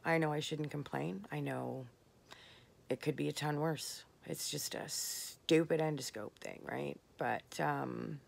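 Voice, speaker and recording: A woman talking candidly in a late-night personal vlog, tired and slurring her words, rambling with soft pauses. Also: sits low, fairly even intonation, vocal fry, a little hiss or hum. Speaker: vlogger.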